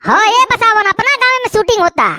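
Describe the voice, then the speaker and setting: A woman's voice: very high voice, big pitch swings, fairly quick, a crowd in the background. A woman with a Bhojpuri accent voicing bickering village men and a fussy film director in a comedy cartoon, teasing and stammering through the lines. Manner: teasing, quarrelsome banter with stammers. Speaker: cartoon voice actor.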